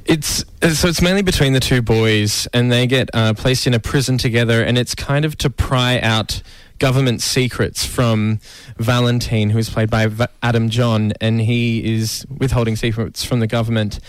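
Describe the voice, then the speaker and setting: A man's voice: medium pitch, fairly even intonation, moderate pace, few pauses, smooth, dry recording. A man, a musical theatre actor, talking enthusiastically and casually in a radio interview.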